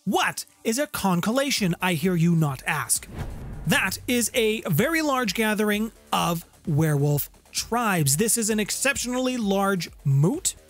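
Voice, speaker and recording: A middle-aged man speaks in a high-pitched, very animated, slightly bright voice at a measured pace, presenting a scripted game-lore explainer with playful, theatrical flair for his tabletop lore channel. Background music plays as he records close on a pop-filtered studio condenser mic in a guitar-filled home room.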